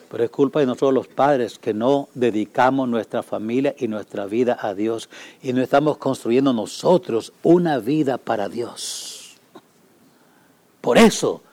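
A man preaching a sermon as a pastor, swinging from loud pleading to hushed warnings. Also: medium pitch.

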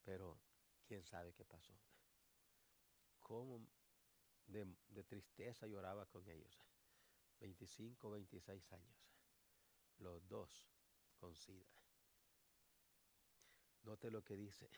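A man, a pastor, preaching a sermon in a church, moving between quiet storytelling and loud exhortation. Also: steady tone, takes it slowly, long pauses, a little hiss or hum. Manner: swings from low murmur to shouted exhortation. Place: church sanctuary.

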